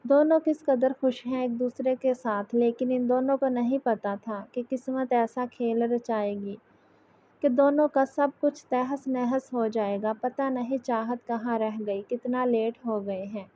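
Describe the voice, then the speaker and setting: A woman narrating a romance novel aloud in a steady storytelling read. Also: a little high, a little slow, lo-fi sound. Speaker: novel reader.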